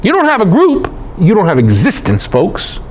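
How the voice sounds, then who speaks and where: A man's voice: high-pitched, huge pitch swings, normal speed, slight background noise. A man with an American accent giving a Bible study lecture, reading passages and adding conversational asides to his listeners. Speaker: Bible teacher.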